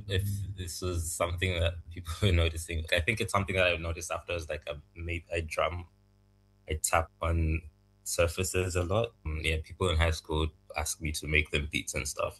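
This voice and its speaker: A young man from Zambia, raised in Malawi, answering interview questions about making music in a soft, thoughtful, halting way. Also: low-pitched, breathy edge, poor audio. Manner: soft-spoken, thoughtful, halting, laughs lightly. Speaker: music producer, guest.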